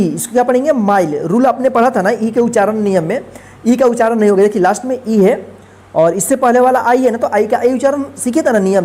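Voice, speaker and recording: A woman teacher in a phonics lesson, spelling words letter by letter and then saying them whole. She repeats each rule patiently, with a slightly high voice. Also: mellow. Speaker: English teacher.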